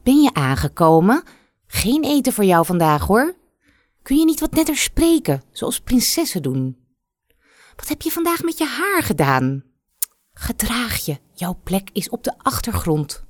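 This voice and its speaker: A harsh, nagging queen mother from a storybook, put on by a woman reading aloud, her scolding voice jumping high and sharp. She snaps out criticism in a dry, close sound. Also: big pitch swings, measured pace, dry recording. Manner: scolding, snappish.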